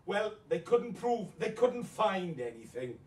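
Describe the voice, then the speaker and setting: A man's voice: high voice, big pitch swings, a little slow, a little mellow. Man as a flamboyant pantomime dame, echoey and distant. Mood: mock aggrieved. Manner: pantomime dame manner, gushing, coy and gossipy. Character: flamboyant, vain, flirtatious pantomime dame, a widowed mother. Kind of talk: pantomime dame performance in a mock celebrity interview. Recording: echoey room, distant microphone.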